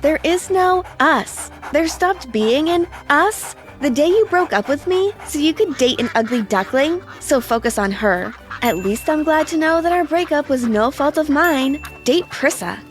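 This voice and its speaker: A woman voicing a scheming, spiteful teenage girl with a sharp, mocking way of talking. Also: sits high, lively intonation, unhurried, few pauses, soft background music. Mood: cold taunting.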